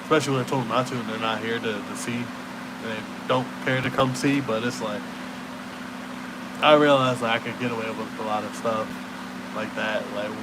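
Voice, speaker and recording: A man's voice: medium pitch, fairly even intonation, normal speed. A young man rambling in a casual, laid-back stoner way, with slangy, profane talk that trails off and circles back. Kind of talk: casual late-night chat, rambling. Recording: clearly noisy room hum.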